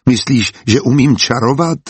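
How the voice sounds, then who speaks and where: Man reading a practical businesswoman; terse, dry-voiced, husky. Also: mid-range voice, no echo. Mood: dry, curt. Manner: terse, matter-of-fact. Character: shrewd, practical young woman, businesswoman.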